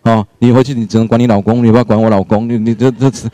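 A man's voice: mid-range voice, level tone, very fast, warm tone, dry recording, voice pushed down, close to an everyday voice. A man voicing a resentful young wife muttering indignant retorts. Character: resentful young wife, woman, snapping back.

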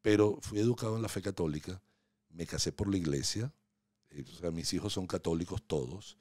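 Chatting casually as a podcast guest in a small home studio, a Venezuelan man is playful, tells stories and asks teasing questions. He uses a studio mic on a boom arm with headphones. His low voice is brisk and a little mellow, and the recording is dry.

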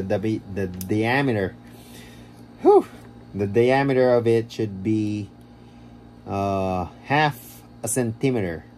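Slow man on low-quality phone audio. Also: a little mellow, slight background noise. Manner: rambling, halting explanation. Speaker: DIY vlogger. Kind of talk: casual how-to walkthrough. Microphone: phone camera.

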